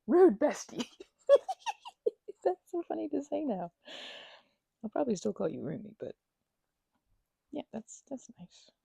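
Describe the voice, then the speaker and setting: In an ASMR roleplay, a woman speaks to the listener as a roommate from close to the microphone, rambling hesitantly with lots of fillers and stammered restarts and sometimes whispering softly. Her high, sing-song voice is slow and creaky, with long pauses. There's no echo.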